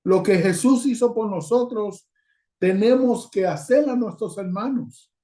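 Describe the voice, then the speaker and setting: A male guest preacher delivers a sermon over a video call with a fairly high, mellow voice. He reads scripture aloud at length and then turns to address the congregation directly as brothers. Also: unhurried.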